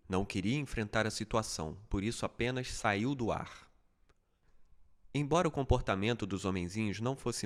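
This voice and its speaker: A man narrating a fable as an audiobook, with steady, even storytelling. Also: fairly low pitch.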